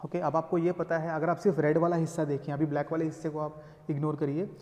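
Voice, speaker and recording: A man's voice: on the high side, warm tone. Guy teaching a class, explains step by step, keeps asking "okay? right?", echoey hall sound. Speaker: lecturer. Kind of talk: code-mixed classroom lecture. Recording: reverberant room.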